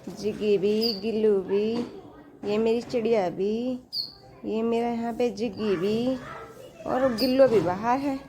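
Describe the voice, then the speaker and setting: A woman's voice: a little high, fairly even intonation, a little slow, pauses often. A woman casually vlogging as she feeds her birds and pets outdoors, talking to them in a fond, coaxing way. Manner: fond, coaxing talk to animals. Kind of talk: casual vlog commentary. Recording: noisy outdoor ambience.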